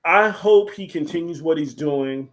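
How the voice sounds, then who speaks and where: A man, co-hosting a casual sports talk show and making his points with animated emphasis. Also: on the high side, unhurried. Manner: animated, emphatic, repeats "here's the thing". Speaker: podcast co-host.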